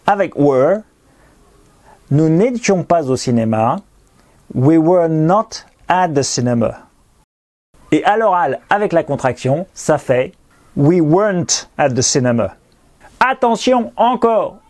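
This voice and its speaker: A man teaching English grammar in a recorded lesson, explaining clearly and patiently and repeating pronunciation drills. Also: on the high side, big pitch swings, takes it slowly, a little mellow.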